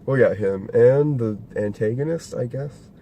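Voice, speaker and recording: A man's voice: medium pitch, unhurried, dark tone. A young man co-hosting a casual movie review chat, rambling, laughing often and swearing casually. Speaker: podcast co-host reviewing a movie. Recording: faint background noise.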